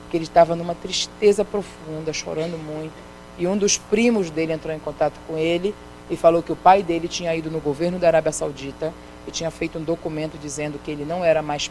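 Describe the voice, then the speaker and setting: A woman's voice: sits low, fairly even intonation, fairly quick, a little mellow, slight background noise, low-quality recording. A middle-aged woman with a Brazilian Portuguese accent, preaching in a church as a missionary and telling a story by acting out the dialogue. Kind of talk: storytelling sermon testimony. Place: church sanctuary.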